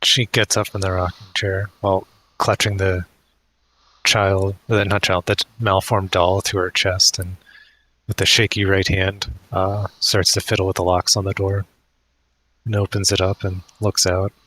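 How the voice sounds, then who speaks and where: A man's voice: low voice, flat delivery, measured pace, pushed and bright, rough recording. A man narrating as dungeon master in a tabletop game, hesitant with many restarts.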